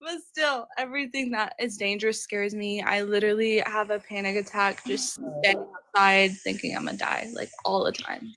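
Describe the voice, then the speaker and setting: A woman's voice: medium pitch, steady tone, moderate pace, hardly any pauses, bright, forceful tone. A young woman in her early twenties from Colorado, a hesitant, nervous caller in a casual chat. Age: 20s.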